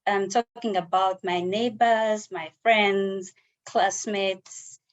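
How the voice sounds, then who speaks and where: A Ugandan woman delivers a prepared personal speech over a video call. She takes her time, speaking slowly and deliberately with pauses between phrases. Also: mid-range voice, steady tone, lo-fi sound. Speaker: club member giving icebreaker speech.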